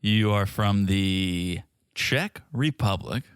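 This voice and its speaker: A man from Connecticut co-hosting a podcast in casual chat, playful and animated, laughing often. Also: fairly low pitch, takes it slowly, clear, resonant tone, dry recording, studio quality. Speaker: podcast co-host.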